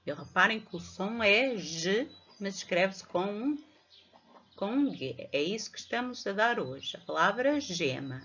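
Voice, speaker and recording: Speaking at a measured pace, this middle-aged woman uses an expressive, medium-pitched voice with a slight brightness. She is a primary school teacher with a European Portuguese accent, guiding young children through reading by patiently spelling syllables. The audio is a dull, lo-fi home recording.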